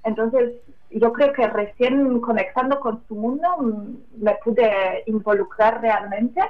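A woman being interviewed about her translation work, talking casually and haltingly, with many fillers and tag questions. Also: a little high. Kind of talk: casual radio interview answers. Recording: dull lo-fi audio.

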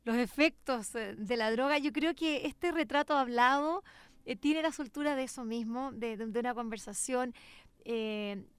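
A woman's voice: a little high, moderate pace, smooth, dry recording. A woman, a journalist interviewing a poet, hesitant with many fillers but enthusiastic. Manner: hesitant, full of "eh" fillers and restarts, warmly enthusiastic. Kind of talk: cultural interview.

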